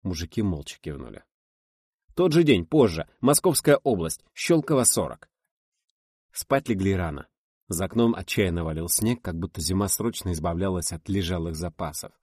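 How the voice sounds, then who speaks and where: A man reading a first-person novel aloud as an audiobook narrator, measured and expressive. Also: deep voice, slightly rough, no room sound, studio quality.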